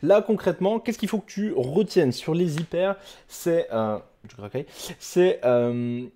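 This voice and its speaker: A man's voice: fairly high pitch, expressive, measured pace, warm tone. A man, a fitness coach explaining an exercise casually to the viewer, with many fillers and restarts.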